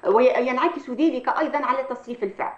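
A woman, an Arabic language professor, explains in a measured academic way and often pauses on hesitation sounds. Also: high voice. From Tunisia. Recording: echoey, dull lo-fi sound.

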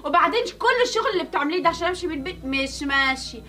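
An Egyptian woman speaks in a sarcastic, defiant way. Her voice is high and her pace is quick. Faint music sits behind her. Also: animated, bright, forceful tone, distant mic. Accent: Egyptian Arabic. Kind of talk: comedic family sketch acting.

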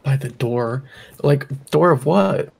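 A man's voice: medium pitch, lively intonation, slow pace, creaky. A man chatting casually as a companion on a game stream. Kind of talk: casual chat over gameplay.

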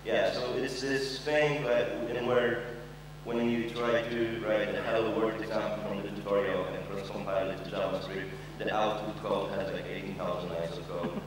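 A young Polish man gives a casual, joking talk to an audience in a large conference hall, full of fillers and the occasional swear word. His lowish voice has little pitch movement and runs at normal speed with few pauses. The echoey hall is recorded from far away, with a noisy background.

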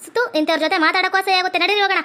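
A woman acting in an amateur family drama, talking loudly and pleading. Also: extremely high pitch, steady tone, racing. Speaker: lead actress and channel host.

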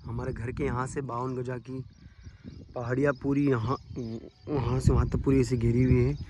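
A cheerful man with an Indian Hindi accent narrates a casual vlog while walking around his family house. He talks chattily to his viewers at an ordinary, middle pitch. The handheld phone picks up faint outdoor ambience, with the occasional birds and animals. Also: little pitch movement, normal speed, dark tone, a little hiss or hum. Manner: chatty and upbeat, addresses friends. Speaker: vlogger. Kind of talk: casual vlog, home tour. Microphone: handheld phone camera.

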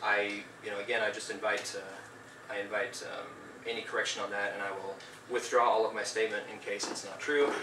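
A man's voice: lowish voice, flat delivery, brisk, background noise. A man giving a formal debate statement in an earnest, preachy, rebuking way. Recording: echoey room, distant mic, faint ambience.

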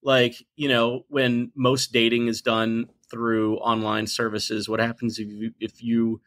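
A bright, forward-sounding male voice at an ordinary middle pitch. He is a man in his forties talking as a podcast guest, emphatic and animated. He now and then slips into acted-out quotes of other people. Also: measured pace. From United States. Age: 40s. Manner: emphatic, animated storyteller who acts out quotes. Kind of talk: conversational interview.

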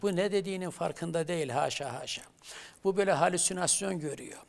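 A man's voice: fairly high pitch, fast, vocal fry, big-room sound. A man voicing a scornful older uncle who mocks and dismisses his nephew in a retold scene. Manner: mocking, dismissive.

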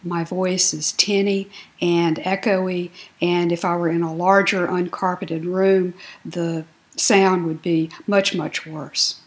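A woman's voice: lowish voice, flat delivery, takes it slowly. Woman through a tinny, echoey built-in mic. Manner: plain, step-by-step explaining. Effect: tinny, echoey computer built-in mic. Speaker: video tutorial presenter. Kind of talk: instructional demonstration. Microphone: built-in computer microphone. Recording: tinny echoey laptop mic from a small room.

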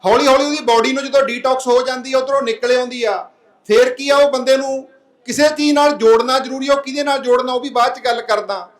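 A man's voice: very high voice, steady tone, fast talker, roomy sound. A man giving an earnest public speech at a village gathering, putting rhetorical questions to the crowd and telling a folk parable. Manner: earnest, plain-spoken exhorting. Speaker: speaker at a public anti-drug meeting.

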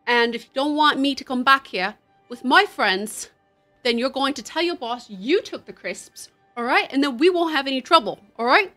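A woman's voice: high voice, animated, moderate pace, pushed and bright, soft background music. A woman doing a cocky streetwise young tough. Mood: swaggering. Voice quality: swaggering, threatening, slangy.

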